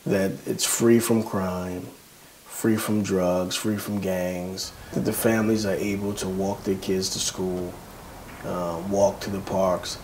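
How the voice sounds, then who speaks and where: A man's voice: low-pitched, steady tone, slow pace, a little mellow, a little hiss or hum, rough recording. A man who leads a community development group, speaking earnestly and emphatically in an interview, with some fillers.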